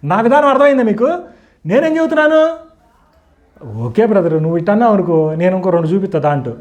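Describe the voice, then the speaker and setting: A man's voice: high voice, animated, quick pace, a little mellow. A man teaching a group, constantly quizzing his listeners with rhetorical questions. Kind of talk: interactive teaching talk.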